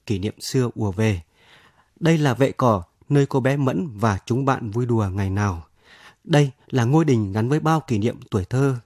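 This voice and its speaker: A male radio editor delivers a measured commentary on a short story. His voice is slightly husky, and the recording is close and dry with no room sound. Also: medium pitch, darkish tone, dry recording. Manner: measured, explanatory reading.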